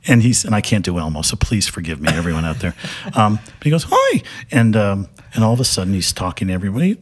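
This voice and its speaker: A man guest in an interview, telling a funny anecdote in a casual, animated way and laughing often. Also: low voice, fast talker, breathy edge.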